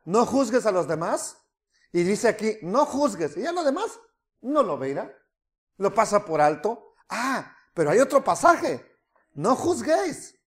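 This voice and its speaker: A man preaching a sermon as pastor, animated, with mocking asides and rhetorical questions. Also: very high-pitched.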